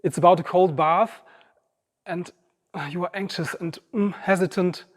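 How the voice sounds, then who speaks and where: A man's voice: sits high, fairly even intonation, moderate pace. A man giving a reflective, personal inspirational talk on stage, speaking directly to the audience. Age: 50s. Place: large auditorium stage. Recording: long reverb of a large hall.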